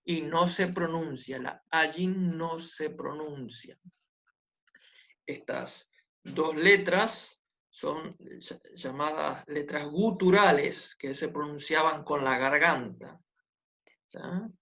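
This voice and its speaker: In an online class, a Hebrew teacher works patiently and repetitively, often using tag questions to check that the students follow. The voice is mid-range, slow and a bit bright, with lo-fi sound.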